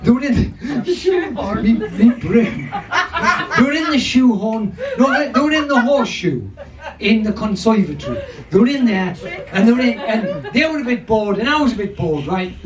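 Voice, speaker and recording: An older man runs a small pub comedy night, rambling through sweary stories and chatting with the crowd. His voice sits very high and swoops about. He was recorded from some distance, with a noisy audience around him. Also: normal speed. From North East England. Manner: rambling, sweary, laughing at his own jokes. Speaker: comedy club MC. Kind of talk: stand-up compering and crowd work. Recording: distant mic, lively crowd.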